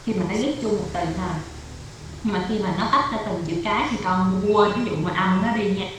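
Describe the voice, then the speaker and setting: A woman's voice: medium pitch, brisk. A woman tutoring a child in English over a video call, patiently explaining step by step, with a Vietnamese accent. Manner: patient, repeats and explains step by step, code-switches with English drills. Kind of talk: online English lesson for a child. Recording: echoey room, faint noise.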